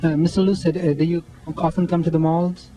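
A man's voice: a little high, little pitch movement, brisk, warm tone, low-quality recording. A man, hesitantly interviewing shoppers in a mall with a handheld mic. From Pakistan. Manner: hesitant, many ums and restarts. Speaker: street interviewer. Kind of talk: amateur vox-pop interview.

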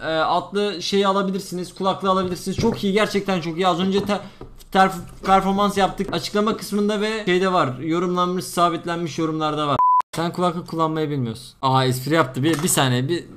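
A young man giving excitable gameplay commentary, swearing, shouting mock threats and joking with his viewers. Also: sits high, fairly quick, slight background noise. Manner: playful, talks to viewers and chat. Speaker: gaming video creator.

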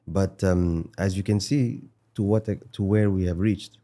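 A man in his forties as a podcast guest, speaking in a measured way and hedging as he recalls details, at a desk microphone. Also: deep voice, fairly even intonation, warm tone. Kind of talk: conversational interview. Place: studio set with desk. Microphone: desk boom mic.

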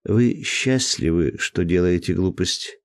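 A man's voice: low voice, slow, smooth, no room sound, studio quality. A man voicing a spirited young noblewoman in an audiobook, teasing in one scene and cold and firm in another. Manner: lightly mocking, then cold and firm.

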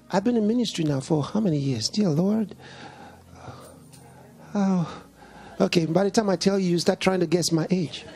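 A pastor in his fifties preaching to a congregation, emphatic and repetitive, swinging from shouts to low, quiet lines. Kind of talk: sermon.

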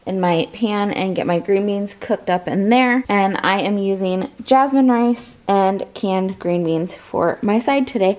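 A woman's voice: mid-range voice, darkish tone. Chatty woman filming her home kitchen. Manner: chatty, talks while cooking, many restarts. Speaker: home cook vlogger. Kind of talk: casual cooking vlog narration.

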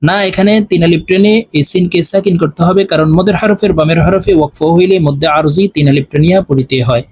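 Male recitation teacher, high voice, patient letter-by-letter spelling, slow drawn-out chanted verses. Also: fairly even intonation, darkish tone, breathy edge.

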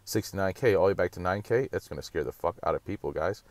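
A man's voice: darkish tone, dry recording. A man giving a casual, profane rant on market charts and mocking others. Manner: profane, rapid, ranting, mocks others in high voices. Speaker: crypto market commentator.

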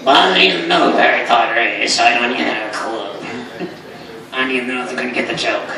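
A man's voice: medium pitch, fast talker, creaky, crowd noise, close to an everyday voice. A man voicing a brash, wisecracking puppet creature in a live ventriloquism act, speaking with his lips barely moving. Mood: teasing, mouthy. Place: small indoor comedy stage, filmed from the audience. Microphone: stage mic picked up by far camera. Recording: echoey noisy hall, distant camera mic.

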